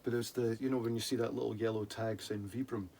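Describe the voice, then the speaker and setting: Low-voiced rambling man, noisy room. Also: fairly even intonation, fast talker, warm tone. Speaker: co-host of a whisky review show. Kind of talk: casual chat. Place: attic room. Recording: clearly noisy room recording.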